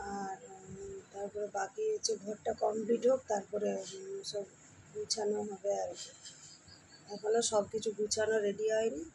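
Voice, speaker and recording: Casual home vlogger, woman, West Bengal Bengali accent, slightly hoarse, unhurried chat with faint room noise. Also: mid-range voice, dark tone, poor audio. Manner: chatty and unhurried, often trails off with "এই আর কি". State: voice going hoarse from the heat. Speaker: housewife vlogger. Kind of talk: casual daily vlog chat. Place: at home, indoors.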